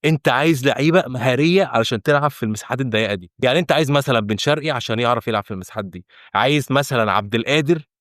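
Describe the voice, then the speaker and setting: Fast, fired-up Egyptian man ranting. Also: medium pitch, a bit bright, no echo, studio quality. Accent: Egyptian Arabic. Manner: frustrated, exasperated, rapid and insistent. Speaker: football fan reacting to a match. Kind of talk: heated fan reaction rant.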